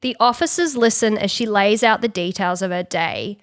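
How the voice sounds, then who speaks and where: A woman co-hosting a podcast, retelling a story in casual chat and acting out quick quotes. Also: mid-range voice, no echo, studio quality. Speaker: podcast co-host.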